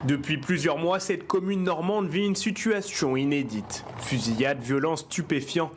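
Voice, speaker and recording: A man's voice: fairly high pitch, a little slow, slight background noise. A man narrating a scripted TV field report with dramatic emphasis. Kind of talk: scripted news voice-over.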